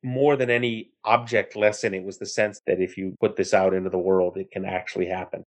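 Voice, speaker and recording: A man telling a story in an interview, animated and acting out the people in it. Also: sits low, a little fast. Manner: animated, acts out characters in the story.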